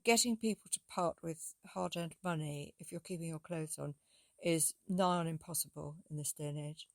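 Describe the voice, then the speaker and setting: A woman's voice: low voice, normal speed, no echo, studio quality. A middle-aged woman hosting a casual solo podcast, rambling with fillers and restarts, her voice getting tired. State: losing her voice. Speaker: podcast host and music teacher.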